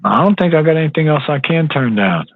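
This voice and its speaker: A man's voice: a little high, animated, fast. A man co-hosting a casual livestream chat, his voice echoing faintly from a second device. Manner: laid-back, friendly, calls people fam and brother. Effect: faint doubled echo from a second device. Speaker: podcast co-host. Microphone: two mics picking up at once. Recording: tinny phone-like line, dry.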